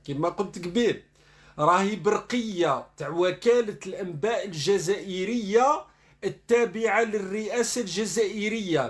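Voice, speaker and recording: A man speaks in a strikingly high voice. He gives sarcastic online commentary, reading quotes from news dispatches aloud before ridiculing them. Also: a bit bright.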